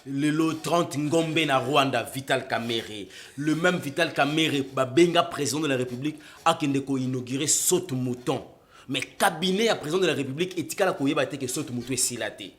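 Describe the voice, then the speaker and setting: A man's voice: mid-range voice, moderate pace, a bit bright. Probing male interviewer. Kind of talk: conversational interview questions in French and Lingala.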